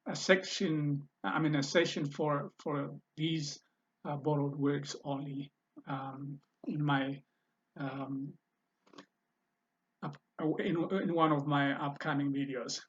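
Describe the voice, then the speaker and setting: A man's voice: a little high, level tone, slow. A man teaching a language lesson, patiently repeating words for pronunciation. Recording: dull lo-fi recording.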